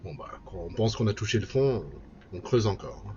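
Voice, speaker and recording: A man's voice: fairly low pitch, moderate pace, mellow, lo-fi sound, a little hiss or hum. A man streaming a game, chatting casually and playfully as he plays. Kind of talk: casual let's-play commentary.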